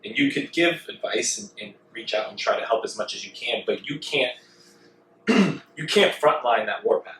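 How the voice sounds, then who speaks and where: Male podcast co-host, low voice, reflective, distant echoey room with faint ambience. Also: a bit bright, slight background noise. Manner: measured, reflective, frequent throat clearing. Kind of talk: casual chat.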